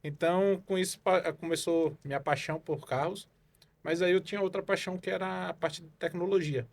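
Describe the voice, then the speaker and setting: A car evaluation consultant from Salvador, Bahia, Brazil, appears as a guest on a casual podcast interview, telling his career story in a rambling way full of fillers and tag questions. His voice is high, gravelly, and steady in tone, and he talks fairly quickly.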